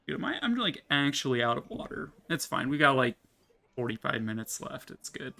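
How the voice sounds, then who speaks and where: A man's voice: medium pitch, very animated, a little fast, vocal fry, bright, forceful tone. A man giving casual, jokey playthrough commentary as a gaming streamer.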